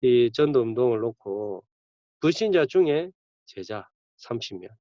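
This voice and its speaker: A man's voice: medium pitch, expressive, measured pace, no echo. A male campus ministry pastor, preaching conversationally with sudden bursts of emphasis. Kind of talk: sermon. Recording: dull dry lo-fi recording.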